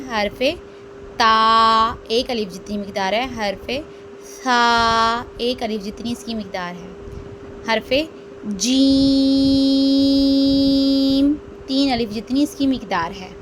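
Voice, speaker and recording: A woman teaching Quran reading in a slow step-by-step lesson, drawing out each letter sound and answering her own questions. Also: mid-range voice, a little hiss or hum. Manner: drills letters aloud, drawn out and stressed; asks questions then answers them herself.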